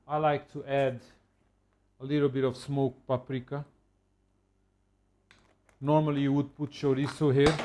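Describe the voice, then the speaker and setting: Relaxed man talking through a recipe. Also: mid-range voice, a little hiss or hum. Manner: relaxed, halting, with many fillers. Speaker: home cook. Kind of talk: casual cooking demonstration.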